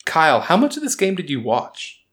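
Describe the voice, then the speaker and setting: A man hosting a casual sports chat, joking, sarcastic and quick to laugh as he runs through scores. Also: a little high, wildly swooping pitch, a bit bright. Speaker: podcast host.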